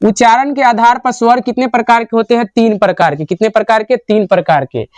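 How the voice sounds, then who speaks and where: A man's voice: extremely high pitch, a little fast, a little mellow, dry recording. A young man teaching grammar in a classroom lecture style. He asks a question, answers it himself and repeats the answer.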